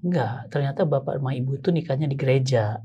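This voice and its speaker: A man hosting a podcast, telling a personal story with lively acted-out voices. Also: medium pitch, quick pace, dull audio, a little hiss or hum. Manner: lively storyteller who acts out the voices of people in his tale. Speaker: podcast host. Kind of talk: casual chat, animated storytelling.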